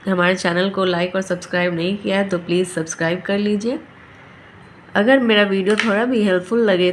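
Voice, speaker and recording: A woman's voice: medium pitch, slight background noise. A woman teaching a phonics lesson, patiently sounding out each letter. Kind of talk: phonics lesson for parents and children.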